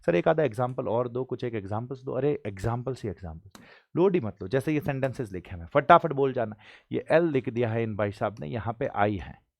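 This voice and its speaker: A man from India teaching an exam-prep English lesson, pressing students with quick questions and spelling out example sentences slowly. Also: mid-range voice, animated, gravelly, a little mellow, no room sound. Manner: urges students to repeat sentences, drills with rapid questions.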